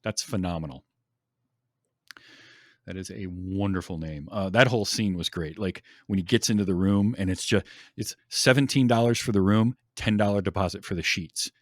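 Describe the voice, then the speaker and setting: A podcast host with a low voice and moderate pace chats casually and enthusiastically about a film, using lots of ums. The studio-quality recording has no room sound.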